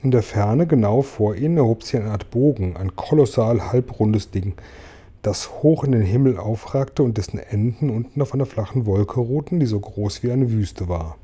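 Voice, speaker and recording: A man reading a children's storybook aloud in a calm, measured way. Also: lowish voice, breathy edge. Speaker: reader.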